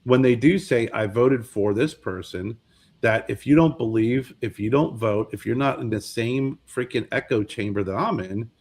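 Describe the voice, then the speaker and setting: A man's voice: medium pitch, moderate pace, darkish tone, husky. A man in his fifties co-hosting a podcast, chatting casually and often repeating words as he searches for the next one. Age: 50s. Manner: rambling, repeats words while searching for them. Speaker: podcast co-host. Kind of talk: casual chat.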